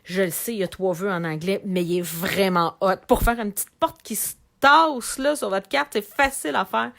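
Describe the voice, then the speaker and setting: A woman's voice: medium pitch, normal speed, gravelly. A middle-aged woman with a Québécois French accent, chatting live to viewers while showing craft products for sale. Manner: chatty, animated, talks to viewers directly. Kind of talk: live video sales chat.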